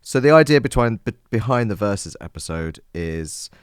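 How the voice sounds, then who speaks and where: A man's voice: fairly low pitch, animated, normal speed, smooth, no echo, studio quality. A man co-hosting a music podcast, chatting casually and playfully with lots of fillers and jokes. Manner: playful, jokey, rambling with fillers. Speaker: podcast co-host.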